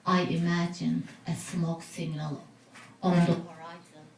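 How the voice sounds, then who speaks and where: Slow, deliberate woman reciting poetry. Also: on the low side, flat delivery, gravelly. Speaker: poet. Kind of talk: poetry reading. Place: bar. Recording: roomy, distant mic with noise.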